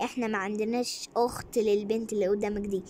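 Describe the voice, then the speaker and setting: A woman's voice: mid-range voice, fairly even intonation, fast talker, mellow, slight background noise, close to an everyday voice. A woman voicing a mocking female kidnapper who taunts her captive in a game role-play. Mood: taunting. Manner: taunting, laughing.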